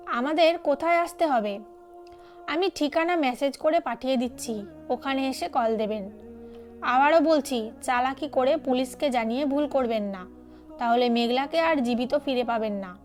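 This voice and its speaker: A woman's voice: sits high, darkish tone. A woman voicing a male kidnapper who makes cold threats over the phone in an audio story.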